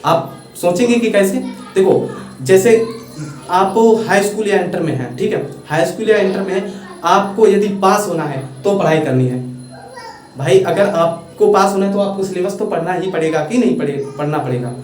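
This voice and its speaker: A man's voice: high-pitched, a little mellow. Indian man teaching, echoey and distant. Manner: repeats words slowly, spelling them out. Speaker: English teacher. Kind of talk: casual video lesson. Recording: echoey room, far from mic, faint hiss.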